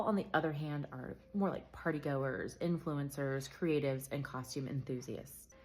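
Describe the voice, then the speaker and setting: A woman vlogger explaining and comparing two events in a conversational way, with frequent fillers and self-corrections. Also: deep voice. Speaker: travel vlogger. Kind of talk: casual explainer talk.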